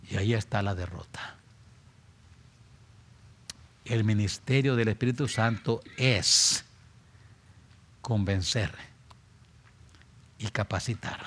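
A man preaching a sermon and leading a closing prayer, swinging from loud exhortation to hushed, near-whispered appeals. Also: on the low side, measured pace, long pauses.

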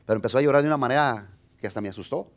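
A man's voice: medium pitch, racing. A man, a pastor telling a personal testimony in a sermon, with many restarts and fillers. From Mexico.

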